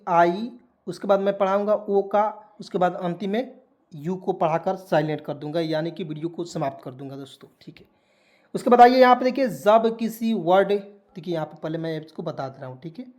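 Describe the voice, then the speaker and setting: A man with a high voice teaches English pronunciation in a spoken video tutorial, spelling words out letter by letter and asking questions he then answers himself. He calls his viewers friends and tags lines with "okay."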